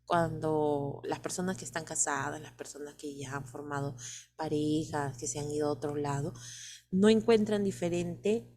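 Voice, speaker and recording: A woman's voice: fairly low pitch, mellow, a little hiss or hum. Peruvian woman teacher lecturing. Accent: Peruvian Spanish. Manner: explains with many rhetorical questions. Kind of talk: lecture to students.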